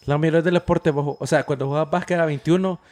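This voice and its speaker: A man's voice: a little high, fairly even intonation, fast talker. Complaining man in rowdy banter. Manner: loud, complaining, mixes in English slang. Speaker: podcast co-host and contestant. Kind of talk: casual banter among friends.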